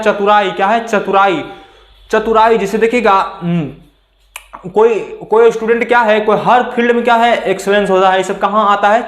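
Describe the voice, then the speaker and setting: Man lecturing high-voiced in echoey room. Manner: repetitive rhetorical questions, conversational teaching. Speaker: exam coaching teacher. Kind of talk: classroom lecture.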